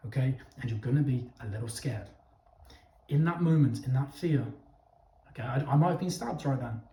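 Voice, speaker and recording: In an echoey, roomy recording, a young man with a mellow mid-pitched voice gives his viewers a casual opinion monologue. He talks to them directly, bluntly and emphatically, cursing along the way and repeatedly asking "okay?".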